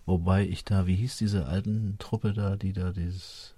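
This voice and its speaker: Very deep, dark-voiced man musing. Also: steady tone, measured pace, husky, dry recording. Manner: musing, asks questions, loose asides. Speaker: podcast co-host. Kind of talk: casual chat.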